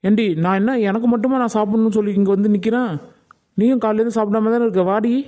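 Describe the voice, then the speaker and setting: Cartoon role: voice actor doing a warm, brisk village husband with a Tamil Nadu accent who pleads gently with his wife. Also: medium pitch, fairly even intonation, natural voice. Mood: coaxing. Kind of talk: cartoon voice acting.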